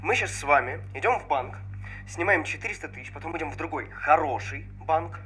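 An evasive swindler. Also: male voice, on the high side, a little fast, pushed and bright, a little hiss or hum. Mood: wheedling. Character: evasive male swindler who cons old people. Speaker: suspect under interrogation.

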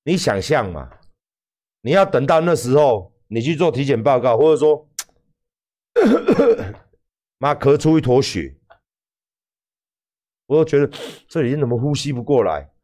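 A man in his forties with a Taiwanese accent, ranting loudly and profanely to viewers on a livestream. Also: medium pitch, unhurried, pauses often. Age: 40s. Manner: loud, profane, animated. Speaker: livestream host.

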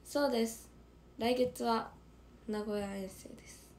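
A young-sounding woman with a Kansai accent streams live, her slightly high voice hoarse and strained as she chats and reads viewer comments aloud. She keeps slipping into a breathy near-whisper between brighter bursts, with a faint hum of room ambience behind her. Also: fairly even intonation, a little slow. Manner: chatty, often dropping into a breathy whisper. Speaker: idol livestreamer. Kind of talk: casual livestream chat reading viewer comments.

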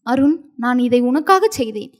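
A woman's voice: on the high side, animated, moderate pace, lightly acted. A woman voicing a kind-hearted young heroine, speaking in a pleading, emotional way in a storybook tale.

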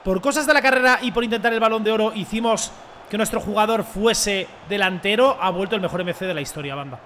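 Young male gaming streamer, high bright voice, excitable slangy banter, faint noise behind. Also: fast. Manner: excitable, shouts on goals, slangy banter with viewers. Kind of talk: let's play commentary.

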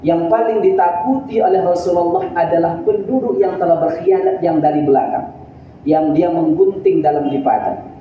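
A man in his thirties, speaking at normal speed in a voice on the high side, gives a Friday sermon, telling a story with earnest, rising emphasis. He's recorded by webcam in a room before a green-screen backdrop, and the sound is distant, very roomy, dull, and lo-fi, with slight background noise.

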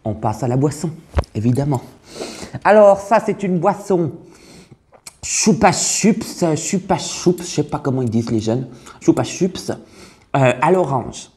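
A man's voice: medium pitch, expressive, moderate pace, warm tone, lightly acted. A man playing a brash, crude female farmer with a Burgundian accent in a comic sketch. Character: brash middle-aged female farmer from the countryside. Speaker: taste-tester.

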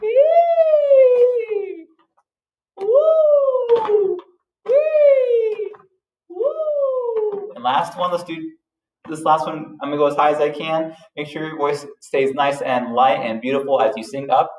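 A man teaching a vocal warm-up to children, giving patient instructions between high sung woo and E sweeps. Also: level tone, fairly quick. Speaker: music teacher. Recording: roomy echo, mic a little distant.

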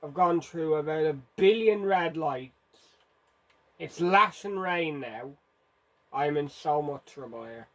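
Male gameplay commentator, slightly high voice, frantic and self-deprecating. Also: slow pace, fairly bright tone. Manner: frantic, self-mocking, urgent. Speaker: gaming video host.

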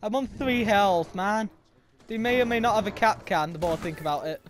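A man's voice: sits high, brisk, a little hiss or hum. A man playing an online game in voice chat, laughing and teasing his teammates. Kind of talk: voice chat while gaming.

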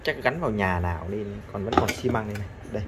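This fast-talking man has a fairly low voice and lively intonation, and the recording is very noisy. He demonstrates scrap electronics casually, chatting to viewers throughout and often repeating himself.

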